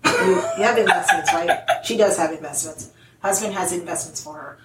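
Woman from nigeria, teasing tone, roomy echo, clear background noise. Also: lowish voice, normal speed, far from the mic. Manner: teasing, joking. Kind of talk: casual chat.

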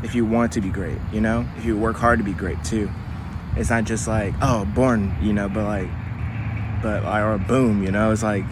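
A man from the United States hosting his podcast as a phone video, recorded outdoors on wireless earbuds. He talks in a casual, upbeat and encouraging way, rambling with many fillers. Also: fairly low pitch. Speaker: podcast host. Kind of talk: casual motivational vlog talk. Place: outdoors near traffic and a train line. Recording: phone video outdoors with clear traffic noise. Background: street and car noise.

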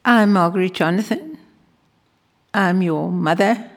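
A retired older woman with a South African accent, recounting her family background in a composed, measured way. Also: lowish voice. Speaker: guest. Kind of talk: conversational family interview.

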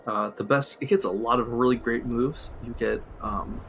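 A man with a gravelly, fry-edged voice talks through game strategy in a relaxed podcast chat. He explains at length and chuckles along the way. A faint hiss sits under the recording. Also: mid-range voice, moderate pace. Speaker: podcast co-host. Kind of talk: casual chat.

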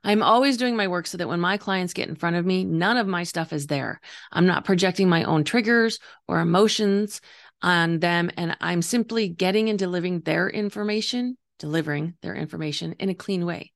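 A woman with a gravelly, slightly hoarse voice talking earnestly and reflectively as a coach hosting a solo podcast, explaining her views. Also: on the low side, a little fast. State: voice partly gone, slightly hoarse. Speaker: intuitive coach and podcast host.

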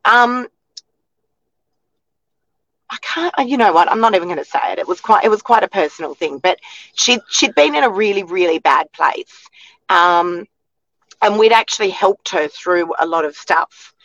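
A woman's voice: mid-range voice, lively intonation, normal speed, a bit bright. An Australian woman in her forties chats in a parked car, gushing and a little emotional, full of ums and you-knows. The sound is dull and dry, with no echo from the close cabin. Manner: chatty and emotional, many fillers. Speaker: real estate agent co-host. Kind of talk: casual chat.

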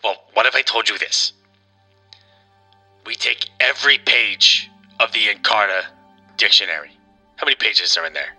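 A man playing a brash, boisterous ad executive who crashes a video call and rambles through a sales pitch in improvised comedy. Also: normal speed, pauses often, bright, forceful tone, soft background music. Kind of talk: improvised comedy role-play.

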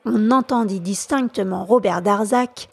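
A woman podcast storyteller reading a classic novel aloud in a measured, expressive way. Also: medium pitch, vocal fry, breathy edge.

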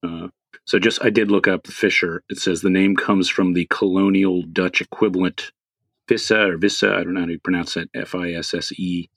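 A man with a very low voice chats casually about wildlife. He talks in a loose, rambling way, full of fillers and restarts. The recording is dry and close. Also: level tone, a little fast, fairly bright tone, no echo. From Philadelphia area, US. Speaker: podcast co-host. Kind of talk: casual birding chat.

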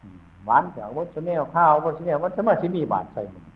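Husky Isan monk on a tinny line. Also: male voice, on the high side, animated, very fast. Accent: Isan Thai. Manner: rambling, folksy, frequent thinking hums. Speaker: Buddhist monk teaching new monks. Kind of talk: informal Dhamma talk. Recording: tinny phone-like recording.

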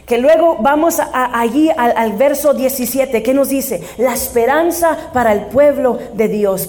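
A woman pastor delivers a sermon in a high voice, mixing in English phrases as she goes. She presses her points with emphasis and keeps checking in with her listeners. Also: warm tone. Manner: switches between Spanish and English mid-sentence, frequent "¿verdad?"; emphatic, raises voice on scripture calls.

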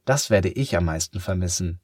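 A man's voice: low-pitched, lively intonation, moderate pace, darkish tone, no echo, clean studio sound. A man voicing an earnest young boy in a children's story, lifting his voice above his own. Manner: earnest, lifted voice.

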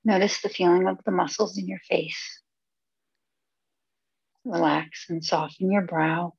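A woman leading a guided meditation in a soft, husky voice, soothing and unhurried, with pauses between phrases. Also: lowish voice, fairly even intonation, no echo, muffled recording.

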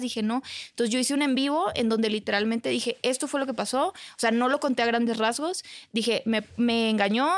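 A woman's voice: on the high side, dry recording. A woman from Mexico with a Mexican Spanish accent, a podcast guest candidly recounting her story in casual chat, dropping "you know" and "I mean" often. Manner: candid, peppers her story with "¿sabes?" and "o sea".

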